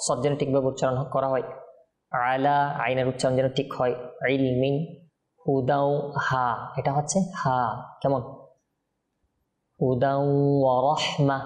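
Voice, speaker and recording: A man teaching Quran recitation, chanting verses slowly and melodically, then explaining pronunciation rules in quick, plain speech. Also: medium pitch, darkish tone, roomy sound. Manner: alternates slow melodic chanting with brisk explanation.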